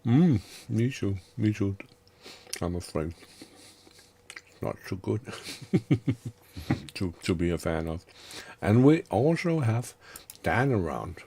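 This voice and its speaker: A man's voice: fairly low pitch, animated, slow pace, gravelly, long pauses, mellow, a little hiss or hum. A man hosting a casual online stream, hesitant and full of fillers. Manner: hesitant, many fillers, chuckling. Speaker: host.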